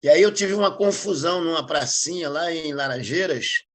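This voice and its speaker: A man with a Carioca accent, a capoeira master telling stories in a casual, lively way and acting out quoted voices. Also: on the high side, normal speed. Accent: Carioca Brazilian Portuguese. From Rio de Janeiro, Brazil. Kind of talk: casual storytelling.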